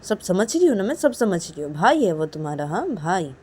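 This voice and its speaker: A woman voicing a suspicious young woman who nags and accuses in a low, quiet voice, ending her sentences with a questioning "haan?". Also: big pitch swings, brisk, a little hiss or hum. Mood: accusing. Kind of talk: one-woman voiced romance story.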